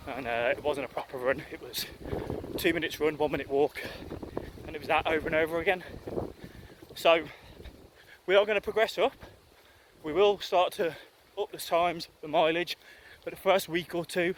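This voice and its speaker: A man's voice: a little high, steady tone, normal speed, rough recording. Young man vlogging while jogging, slightly breathless. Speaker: vlogger and streamer. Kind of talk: casual chat to camera. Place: outdoors, on a run. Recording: outdoor ambient noise.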